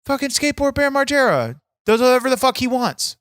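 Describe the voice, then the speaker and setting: Heavily acted, with a very high, sing-song, fairly bright voice, a man speaks briskly as a brash, bitter wrestler persona on a comedy podcast. He's crude, swears a lot and irritates easily in the improvised chat, captured in clean studio sound with no echo.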